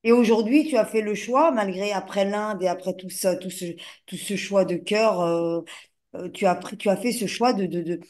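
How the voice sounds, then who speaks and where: A woman's voice: medium pitch, moderate pace, a little mellow. A woman hosting an interview, asking long questions with many hesitations and repeated words. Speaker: interviewer, host.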